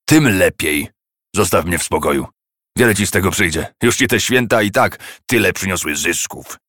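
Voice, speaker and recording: A man's voice: sits low, lively intonation, normal speed, fairly bright tone, no room sound, studio quality, heavily acted. A man voicing a miserly, grumpy old man who scolds and mocks in a harsh, scornful way.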